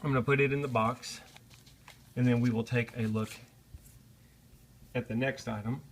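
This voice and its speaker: A man's voice: medium pitch, fairly even intonation, normal speed, slight background noise. A man presenting a casual unboxing vlog, talking in a friendly, apologetic way with frequent "uh" fillers. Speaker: product reviewer.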